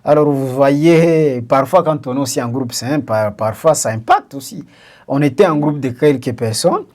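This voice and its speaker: Man from Congo, co-host, halting and explanatory, plenty of fillers. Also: mid-range voice, animated, darkish tone. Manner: hesitant, many fillers and restarts; explains with examples, asks questions. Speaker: podcast co-host. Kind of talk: casual discussion.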